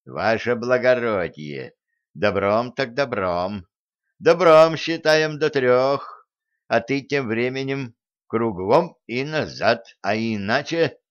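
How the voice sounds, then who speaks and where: Defiant armed peasants played by a man, raised pitch, loud cheeky shouts, slightly muffled audio. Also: lively intonation, slow pace. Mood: cold, threatening. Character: defiant armed peasant men, bold and stubborn. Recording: slightly dull recording.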